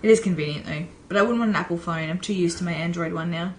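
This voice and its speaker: A woman's voice: fairly low pitch, fast, a little mellow, slight background noise. A woman, a guest on a casual podcast, chatty and fond of saying "like". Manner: chatty, frequent "like".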